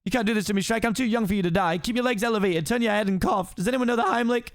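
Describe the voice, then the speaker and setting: Man doing a high, frantic talking donkey. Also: rapid-fire, dry recording, clean studio sound, lightly acted. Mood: panicked. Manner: frantic, repetitive chatter. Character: excitable, panicky, chattering male donkey sidekick.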